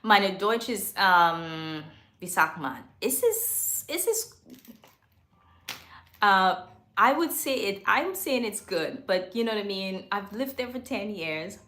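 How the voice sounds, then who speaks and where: A woman's voice: medium pitch, expressive, takes it slowly, bright, forceful tone. Chatty woman in an echoey room. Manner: chatty, laughs often, self-correcting. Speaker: livestream host. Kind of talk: casual face-to-camera chat. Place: home studio. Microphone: microphone. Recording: roomy echo.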